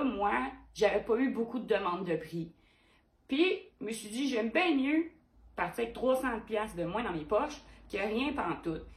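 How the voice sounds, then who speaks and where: A woman's voice: medium pitch, roomy sound. A woman painter with a Québécois French accent, talking frankly and animatedly to her viewers, firing rhetorical questions. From Quebec. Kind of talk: direct-to-camera vlog.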